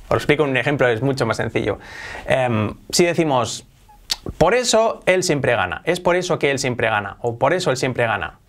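A man from Spain with a Spanish accent, hosting a lively bilingual English lesson and slowly repeating words to show how they are pronounced. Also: medium pitch, vocal fry. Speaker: English teacher and channel host.

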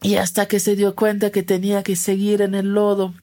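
A woman telling a children's animal story slowly and expressively, repeating words for effect. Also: medium pitch, completely flat delivery, warm tone.

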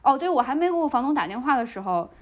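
Fast-talking young woman telling a story. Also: high-pitched, lo-fi sound. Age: young adult. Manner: lively retelling, playing out the dialogue. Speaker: podcast host. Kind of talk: casual storytelling.

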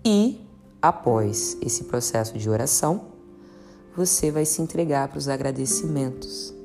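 A woman, teaching a meditation practice in a calm, earnest way and slowly repeating mantras. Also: low voice. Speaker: spiritual guide. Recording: soft instrumental music behind.

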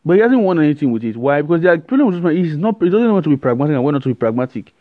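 A man hosting a solo football podcast, giving animated, rambling opinions with many fillers and restarts. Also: a little high, racing, no echo, phone-quality sound.

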